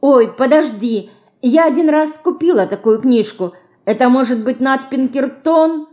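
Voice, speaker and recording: A woman's voice: a little high, unhurried, dark tone, dull audio, pitched above the performer's own voice, close to an everyday voice. A woman reading an audiobook, voicing an earnest, sensible schoolgirl who is the older sister.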